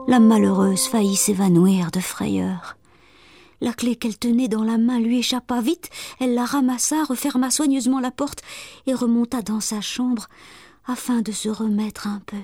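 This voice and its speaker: A woman reading a fairy tale aloud in an expressive, dramatic storytelling manner. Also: a little high, moderate pace. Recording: music playing behind.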